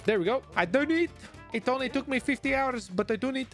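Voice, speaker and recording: Hyped up guy in game voice chat, lively swings, swears constantly, music playing under. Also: very high-pitched, brisk. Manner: excitable, swears a lot. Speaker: gaming roleplayer. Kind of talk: game roleplay banter.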